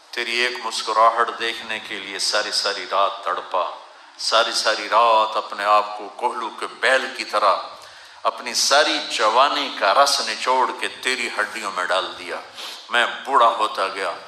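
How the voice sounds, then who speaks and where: A man delivers a tearful sermon, his voice cutting and sharply bright as he pleads and laments. The sound rings around a large hall with a faint hiss underneath. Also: on the low side. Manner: tearful, pleading, recites verse in a rising lament. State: weeping. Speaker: preacher. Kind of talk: emotional sermon.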